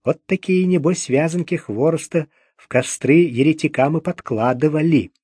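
A man's voice: on the high side, normal speed, warm tone, breathy edge, no room sound. A man narrating an audiobook detective story with dry, wry irony. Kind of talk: scripted narration.

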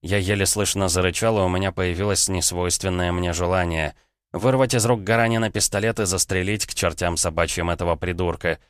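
A male audiobook narrator with a smooth, resonant voice in a fairly low register. He reads first-person narration in an even, measured way. The sound is close and dry. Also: dry recording.

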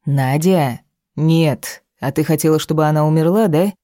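A woman's voice: deep voice, moderate pace, mellow, no room sound, studio quality, close to an everyday voice. A woman voicing a cruel, angry husband in an audiobook, speaking harshly and threateningly. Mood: harsh anger. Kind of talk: audiobook character reading.

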